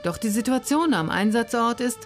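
A woman reading scripted documentary narration in an even, factual way. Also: fairly high pitch, moderate pace, music in the background.

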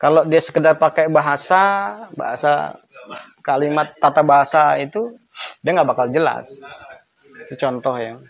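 A man's voice: a little high, fairly even intonation, moderate pace, pauses often, no room sound, dull audio. A man giving a conversational online lesson on Quran grammar, emphatic and acting out intonation examples.

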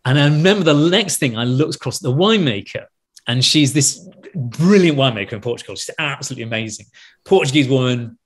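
A man, a wine expert, telling a lively anecdote on a podcast, acting out other people's lines and laughing as he goes. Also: mid-range voice, quick pace, slightly rough. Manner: animated storyteller, acts out quotes, laughs mid-sentence.

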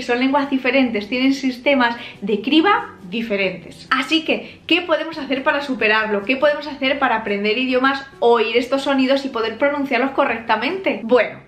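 A woman's voice: high-pitched, fairly bright tone. Spanish woman teaching, echoey room. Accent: Spanish (Spain). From Spain. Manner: clear, explanatory, laughs between points. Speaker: language teacher. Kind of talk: explanatory video lesson.

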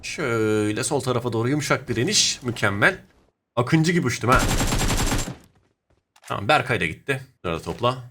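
A young man narrating his own mobile shooter match in casual commentary, muttering to himself and then breaking into sudden excited shouts. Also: mid-range voice, fairly quick, long pauses, noisy background. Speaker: gaming YouTuber. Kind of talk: live gameplay commentary.

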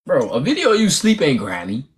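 A man's voice: on the high side, huge pitch swings, fairly quick, breathy edge. A young man with a Midwestern accent, chatting casually and teasing on a livestream. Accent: Midwestern American. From Gary, Indiana. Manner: laid-back, teasing, slangy. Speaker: TikTok live co-host. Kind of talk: casual chat.

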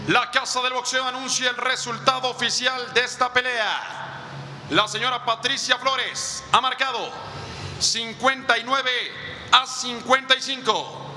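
A male ring announcer with a piercingly bright, very high voice declaims in theatrical lucha libre style. His phrasing is formal and deliberate, with names stretched out. It rings through a long PA reverb. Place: boxing ring in a TV studio. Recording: reverberant arena PA with noisy background.

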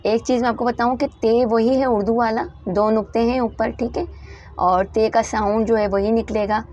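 A woman who teaches letters patiently. She repeats word lists slowly and often pauses with "uh" between phrases. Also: a little high, fairly even intonation, darkish tone, muffled recording. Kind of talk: patient language lesson.

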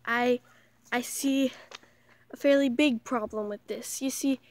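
A young woman from Canada, hoarse with the flu, chatting in a self-mocking way as she vlogs outdoors. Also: a little high, steady tone, a little slow, no room sound. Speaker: vlogger. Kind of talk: casual vlog while walking outdoors. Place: outdoors in a small town.

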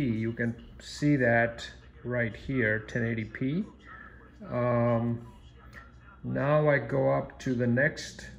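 A man narrates a casual demo from a hotel room, working through menus step by step. His voice has a gravelly edge, and he talks slowly with frequent ums and uhs. A faint hum of room noise sits underneath. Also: mid-range voice. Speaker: product demonstrator. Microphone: phone camera filming a TV screen, voice off camera.

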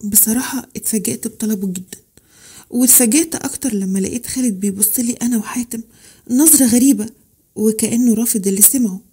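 Warm, breathy Egyptian woman storyteller. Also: fairly high pitch, fast. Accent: Egyptian Arabic. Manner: intimate, confessional telling. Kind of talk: first-person story narration.

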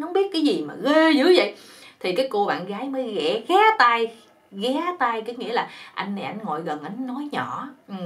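Lady telling a funny poem, super expressive, keeps exclaiming, voice on the high side. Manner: animated, exclamatory, chatty. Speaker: channel host, joke teller. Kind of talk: telling a humorous folk poem.

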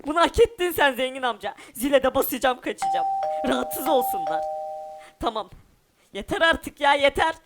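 A man doing a sulky high-voiced runaway boy. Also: expressive, normal speed, over loud music. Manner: whiny, sulking, talks to viewers.

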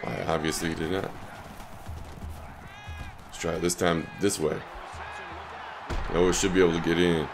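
A man's voice: sits low, unhurried, pauses often. Man with a scratchy sick voice. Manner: laid-back, reacts to plays, brief excited outbursts. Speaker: gaming YouTuber. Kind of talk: casual gameplay commentary.

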